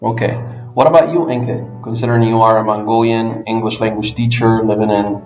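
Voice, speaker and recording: Man, low voice, interview host, explanatory questions, roomy sound, music underneath. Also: steady tone, fairly quick, darkish tone. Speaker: interviewer, English language fellow. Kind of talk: podcast interview. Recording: echoey room, music underneath.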